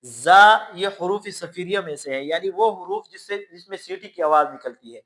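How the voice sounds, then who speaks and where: A man teaching Quran pronunciation, stretching out each letter sound and then calmly explaining how to make it. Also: sits high. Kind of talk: slow letter-by-letter pronunciation lesson.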